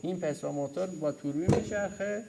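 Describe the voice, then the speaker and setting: Workshop instructor, man, slightly high voice, shop noise behind him, repeats terms as he points at parts. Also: vocal fry. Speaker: mechanics instructor. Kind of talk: hands-on workshop lesson. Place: auto repair workshop.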